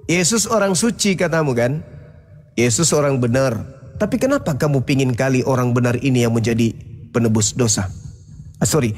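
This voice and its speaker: A man's voice: medium pitch, darkish tone, a little hiss or hum. A man arguing religion in a heated live debate, mocking and provocative with laughing jabs.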